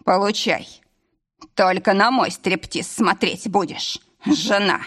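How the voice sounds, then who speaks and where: A woman's voice: mid-range voice, slow, fairly bright tone, husky. A woman voicing a curt, domineering husband. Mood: commanding. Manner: curt, commanding. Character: angry, domineering young husband.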